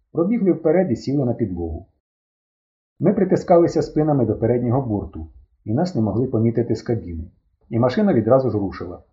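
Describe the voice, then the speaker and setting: Audiobook narrator man, dark voice, lively pitch, dull lo-fi sound. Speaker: audiobook reader. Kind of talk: first-person storybook narration.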